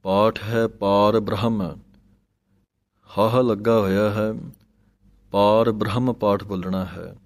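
A man gives a recitation lesson. He chants verses slowly and then adds quick spoken notes on pronunciation and pauses. His voice sits low and stays in a narrow, even pitch range. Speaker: teacher of scripture recitation.

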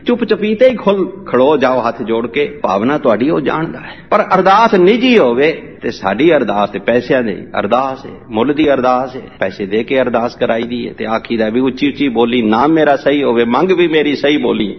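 A man teaching scripture, explaining hymns line by line and repeating the verses slowly and emphatically. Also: medium pitch, animated, slightly rough. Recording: dull lo-fi with faint noise.

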